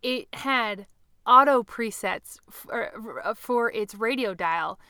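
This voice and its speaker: A woman in her thirties co-hosting a casual podcast chat, animated and playfully teasing, speaking into a studio microphone. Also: fairly high pitch, slow, smooth, no room sound. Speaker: podcast co-host.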